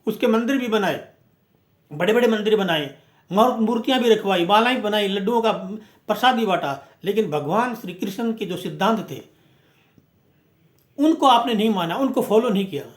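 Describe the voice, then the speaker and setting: A man's voice: high voice, expressive, normal speed. A man giving an impassioned, emphatic speech as a movement speaker, full of rhetorical questions and repeated phrases. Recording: echoey room.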